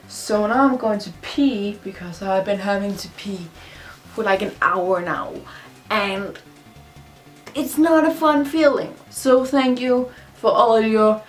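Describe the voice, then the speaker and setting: A tipsy woman with a mid-range voice speaks English as a second language in a casual vlog monologue. She is drunk, rambling and repetitive, sharing in a confessional way, with music in the recording. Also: medium pitch. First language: not English. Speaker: video blogger.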